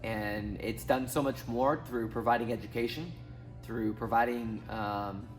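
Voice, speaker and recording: Here the same Southwest Missouri finance vlogger, a man in his thirties, chats to camera in a rambling, restart-filled way. His mid-range voice keeps a fairly even intonation and an unhurried pace, with faint music behind and poor audio quality.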